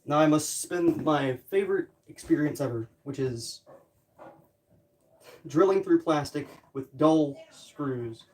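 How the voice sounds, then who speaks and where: A man with a fairly high but darkish voice speaks slowly while livestreaming a hands-on DIY build. He mutters to himself as he works and chats casually in a wry, self-deprecating way. The distant mic picks up background noise and clicking.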